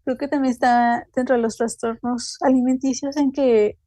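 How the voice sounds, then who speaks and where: A woman's voice: sits high, steady tone, dark tone, no room sound. A woman with a Mexican Spanish accent giving a seminar talk, hesitant and full of fillers. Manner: halting, many fillers like "este" and "eh". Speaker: seminar speaker. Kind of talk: academic talk, loosely read.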